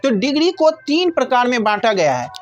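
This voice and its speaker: Woman, high voice, grammar teacher, step-by-step explaining, answers her own questions. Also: big pitch swings, brisk, soft background music. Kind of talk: grammar lesson.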